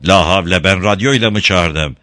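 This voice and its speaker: A man's voice: low voice, moderate pace, sharp tone, dry recording, clean studio sound. A man voicing a hot-tempered tax collector who roars and curses in a read-aloud story. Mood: angry. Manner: roaring, cursing.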